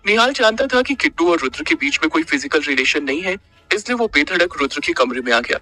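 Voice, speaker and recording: A man narrating an audio story in an expressive storytelling manner. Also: a little high, fast talker.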